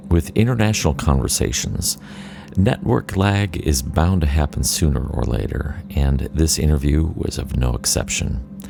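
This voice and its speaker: Deep gravelly-voiced male podcast host. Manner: polished scripted intro, then relaxed and chatty. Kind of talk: podcast interview.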